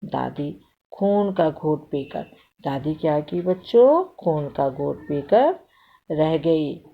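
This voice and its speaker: A woman's voice: sits low, lively intonation, takes it slowly, gravelly. A woman teacher reading a story aloud to a class, stopping to quiz the children and repeat their answers. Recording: tinny phone-like audio.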